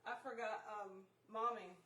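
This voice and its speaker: A woman chatting casually between songs on a live stream, playful and teasing with soft asides. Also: fairly high pitch, fairly even intonation, moderate pace. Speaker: musician co-host of a live stream. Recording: roomy, distant mic with faint noise.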